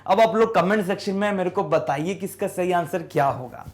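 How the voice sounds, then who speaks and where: A man with a high voice teaches English spelling to a class, firing off questions that he then answers on his own. He pronounces words at a crawl, stretching each syllable.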